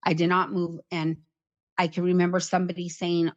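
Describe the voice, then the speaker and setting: A middle-aged woman recounting her past in an interview, in a plain, halting way with many "like" fillers. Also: on the low side, little pitch movement, lo-fi sound. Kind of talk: personal account in conversation.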